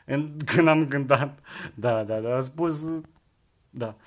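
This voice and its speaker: A man in his twenties who jokes about himself in a rambling, hesitant monologue full of restarts. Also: medium pitch. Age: 20s. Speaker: vlogger. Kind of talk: joking monologue to camera.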